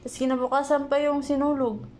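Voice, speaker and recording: A young woman talks casually into her phone at home, her voice sitting fairly high. She rambles and searches for words, filling gaps with little pauses, and sounds slightly out of breath. A faint hiss runs under the recording. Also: little pitch movement, darkish tone. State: pregnant, short of breath. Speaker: vlogger. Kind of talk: casual chat vlog.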